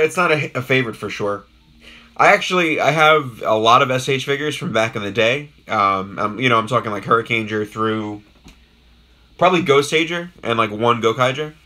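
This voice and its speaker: A young man hosts a live-stream unboxing on YouTube, chatting casually and greeting viewers in the chat. His medium-pitched voice is raspy and hoarse from a tired throat, yet his tone stays bright, forward, and lively at a moderate pace. He rambles from thought to thought, full of ums, filler, and restarts.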